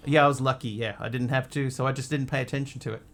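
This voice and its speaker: During a casual live-stream chat, an Australian-raised man talks to his viewers quickly in a medium-pitched, steady voice. He meanders along, hesitating often, filling gaps with ums and restarting sentences.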